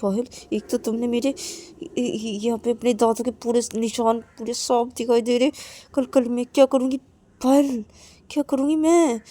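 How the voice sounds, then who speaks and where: A woman's voice: fairly high pitch, steady tone, normal speed, mellow, natural voice. A woman storyteller voicing a sulky young woman who pleads and whines to her partner. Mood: pleading. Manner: pleading and whiny. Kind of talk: storyteller acting out dialogue.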